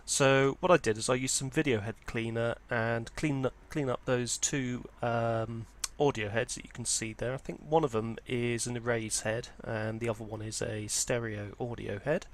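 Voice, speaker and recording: A hobbyist who runs a vintage audio channel gives an informal, unscripted walkthrough in a steady, mid-range voice. He talks at normal speed with few pauses, explaining things in a hesitant, hedging way.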